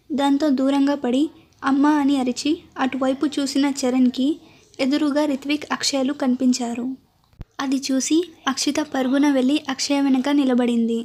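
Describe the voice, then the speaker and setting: A woman narrating a family drama audiobook in a steady, even reading manner. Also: high-pitched. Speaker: storyteller.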